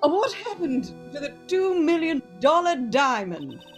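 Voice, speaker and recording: A woman's voice: sits high, sing-song, measured pace, soft background music. A woman voicing a scheming young witness in a casual fan read-through, slipping into a mocking evil voice. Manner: sweet then mocking evil voice, giggling.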